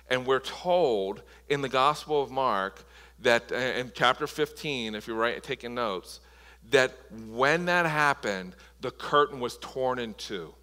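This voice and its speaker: Impassioned preacher in a reverberant hall. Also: male voice, medium pitch, pushed and bright. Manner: impassioned, with frequent restarts and repeated words. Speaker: pastor. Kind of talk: sermon. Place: church sanctuary. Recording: long reverb of a large hall.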